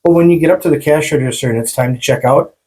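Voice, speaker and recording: A man from rural Wisconsin rants on a friends' podcast, his voice pitched a touch high. He talks in a heated, profane way. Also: quick pace, darkish tone, low-quality recording. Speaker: podcast co-host. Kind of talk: casual chat.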